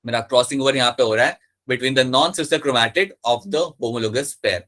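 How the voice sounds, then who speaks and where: A man's voice: medium pitch, a little slow, fairly bright tone. A man teaching biology in a live online class, explaining step by step, repeating key terms and checking that his students follow. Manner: switches between Hindi and English mid-sentence.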